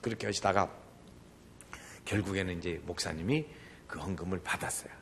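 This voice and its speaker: An older man preaching a sermon as pastor, animated, often acting out the people in his stories. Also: sits low, fairly quick, a little hiss or hum. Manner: animated, acts out quoted voices.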